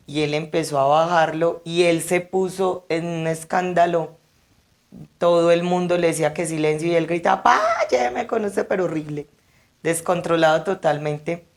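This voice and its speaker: A woman who works at funerals, telling anecdotes in an interview and animatedly acting out the people in them. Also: sits low. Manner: animated, acts out quotes. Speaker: funeral service worker.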